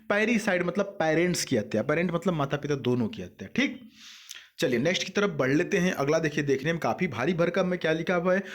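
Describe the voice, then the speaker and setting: A young adult man teaching a vocabulary lesson online, mixing Hindi with English, repeating key words and asking questions he answers himself. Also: high-pitched. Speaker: exam coaching teacher.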